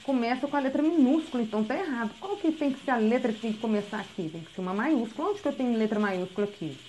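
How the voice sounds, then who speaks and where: A woman, a literacy teacher giving a recorded lesson and explaining patiently step by step, often checking in with a quick "tá?". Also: on the high side, animated, mellow, slight background noise, rough recording.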